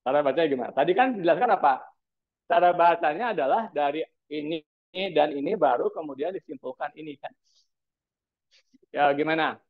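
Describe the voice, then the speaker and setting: A man's voice: a little high, a little fast, pauses often. A man lecturing a university class, prodding students with repeated teasing questions. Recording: tinny phone-like sound.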